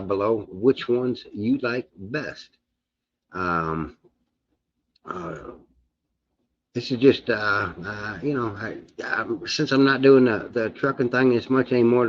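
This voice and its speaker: A low-pitched man chats to his channel in a rambling, folksy style. His speech is halting and gummy, slightly sputtering from having no teeth in. The recording sounds dull and muffled. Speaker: video channel host. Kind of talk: casual rambling vlog talk.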